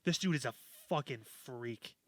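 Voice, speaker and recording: A man in his twenties chatting on a podcast, excitable and swearing freely. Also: mid-range voice, dry recording, clean studio sound. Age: 20s. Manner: fast, profane, excitable. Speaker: podcast panelist. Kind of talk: casual podcast chat.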